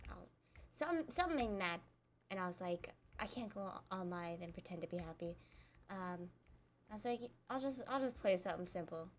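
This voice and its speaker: A woman's voice: medium pitch, a little hiss or hum. A young adult woman chatting casually while she streams a video game, rambling and self-deprecating as she talks. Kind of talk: casual gameplay chat.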